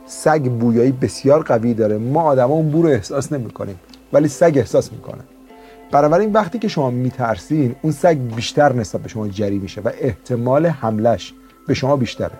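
A man giving a motivational talk as a self-help teacher, telling stories with emphatic, drawn-out stresses and quick bursts. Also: mid-range voice, warm tone. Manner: storytelling, emphatic, shifts between slow stresses and quick bursts.

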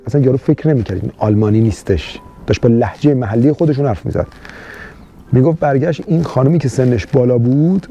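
Iranian-born male vlogger, casual advice monologue, hesitant and rambling, very mellow tone. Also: medium pitch, dull audio, a little hiss or hum. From Iran. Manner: rambling, frequent hesitant fillers. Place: lives in Austria.

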